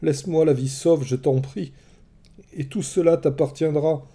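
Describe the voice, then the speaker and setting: A man voicing a cunning, seductive sorceress in a storybook reading, lifting his voice into a gentle, coaxing tone. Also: medium pitch, moderate pace, close to an everyday voice. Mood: pleading.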